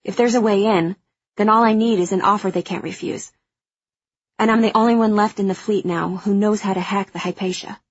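An actress playing a fierce, protective young hacker aboard a spaceship in an audio drama, speaking with urgent, firm reassurance. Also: female voice, medium pitch, fairly even intonation, a little fast, breathy edge, no echo, dull audio, close to an everyday voice. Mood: reassuring, urgent.

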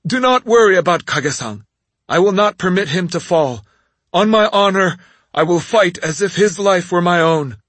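A man's voice: high voice, animated, moderate pace, a bit bright, dry recording, pitched above the performer's own voice. A man voicing a proud young male noble swordsman who speaks in a formal, courtly way. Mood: earnest.

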